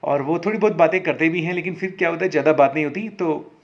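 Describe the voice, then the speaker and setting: A man's voice: a little high, quick pace. A man telling a story in a casual, conversational way as a show host, often correcting himself mid-sentence. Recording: slightly dull lo-fi recording.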